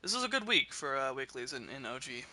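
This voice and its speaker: A man's voice: mid-range voice, very animated, quick pace, bright, forceful tone, slight background noise. A young man casually chatting while streaming a game, rambling and tripping over his words.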